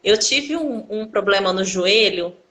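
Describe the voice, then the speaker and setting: A woman chatting on a live video call, telling personal stories in an animated way and acting out the people in them. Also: medium pitch, measured pace, a crowd in the background, poor audio. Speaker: co-host of a live video conversation. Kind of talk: casual live conversation, personal storytelling.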